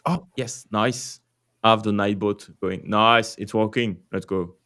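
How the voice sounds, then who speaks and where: A man's voice: fairly low pitch, steady tone, a little slow, bright, forceful tone. A man with a French accent hosting a casual crypto livestream, rambling with lots of fillers, swearing and laughing.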